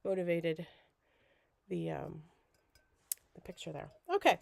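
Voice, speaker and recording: A woman's voice: on the low side, fairly even intonation, slow, gravelly, a little mellow, no echo. A woman hosting a casual crafting livestream while groggy and sick with a cold, chatty and rambling. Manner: rambling, chatty, self-deprecating.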